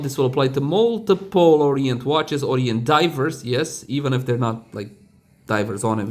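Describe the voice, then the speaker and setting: A man talking through a hands-on watch repair tutorial in a chatty, digressive way with casual asides. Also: medium pitch. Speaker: watch reviewer.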